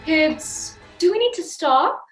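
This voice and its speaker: A woman's voice: very high voice, expressive, slow, a bit bright, soft background music, exaggerated voice. A woman playing a theatrical fairy-tale storyteller, narrating a comic stage show. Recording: roomy stage sound.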